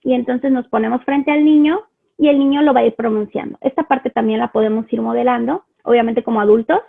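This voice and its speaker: A woman's voice: on the high side, a little fast, vocal fry. A woman with a Mexican Spanish accent teaching parents about children's language in a chatty live online talk, often checking in with rhetorical questions. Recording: phone-like, lo-fi online stream audio.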